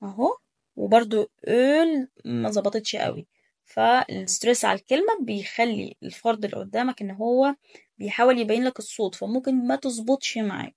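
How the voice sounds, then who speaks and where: Fast-talking Egyptian woman teaching pronunciation. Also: a little high, gravelly, darkish tone. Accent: Egyptian Arabic. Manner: corrective, repeats sounds with emphasis. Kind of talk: casual tutorial explanation.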